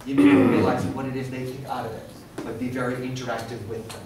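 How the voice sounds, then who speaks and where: Captured from afar in an echoey lecture room or classroom with a faint noise floor, a middle-aged man presents an interactive workshop and quizzes the live audience. His mid-range voice swoops wildly in pitch, and he speaks quickly.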